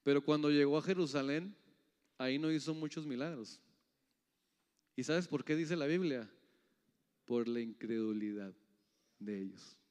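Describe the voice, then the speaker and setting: A man preaching a sermon in a church hall. He keeps quizzing the congregation and swings from loud rising calls to soft, low asides. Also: unhurried, pauses often, clean tone. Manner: keeps asking the audience "yes or no?". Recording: long hall reverb.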